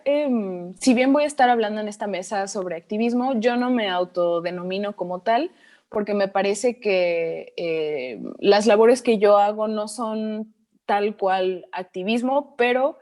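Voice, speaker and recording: A young woman from Mexico in her twenties, a writer answering interview questions thoughtfully, pausing often to find her words. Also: mid-range voice, darkish tone. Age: 20s. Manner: thoughtful, with frequent hesitations. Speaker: guest, writer.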